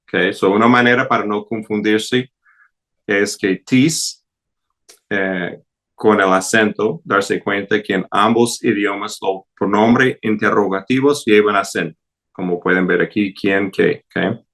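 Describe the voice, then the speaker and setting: A man teaching a Greek class, going slowly and deliberately through word forms one at a time, with English fillers like "okay" and "so". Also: on the low side, fairly bright tone. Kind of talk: classroom lecture.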